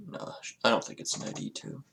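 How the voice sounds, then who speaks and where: A man's voice: moderate pace, bright, forceful tone. A man streaming a chess game, thinking aloud in a casual, hesitant, muttering way. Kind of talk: casual live commentary while playing.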